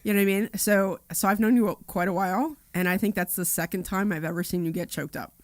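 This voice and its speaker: A woman co-hosting a radio talk show. She tells stories in a chatty, lively way. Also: medium pitch, fast, no room sound, studio quality. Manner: chatty storyteller, lively when retelling events. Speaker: radio co-host. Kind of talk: casual radio chat.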